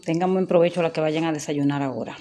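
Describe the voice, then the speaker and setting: A woman's voice: low voice, fairly even intonation, fast talker, background noise. A woman chatting casually to her viewers while making a drink in her home kitchen, filmed on a phone. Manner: chatty, addresses viewers as girls. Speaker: vlogger.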